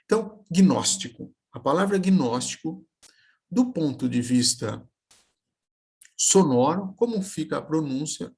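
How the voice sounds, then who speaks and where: A male teacher with a gravelly, husky voice, explaining a lesson at a measured pace. He stretches out example words slowly to show how they break apart. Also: fairly high pitch, expressive, darkish tone. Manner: slow, careful, spelling words out syllable by syllable.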